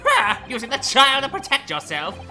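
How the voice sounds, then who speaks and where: A man doing a high, bright, fussy old man. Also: huge pitch swings, moderate pace, soft background music, heavily acted. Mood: indignant. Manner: florid, indignant speech. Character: pompous grumpy old man, theatrical.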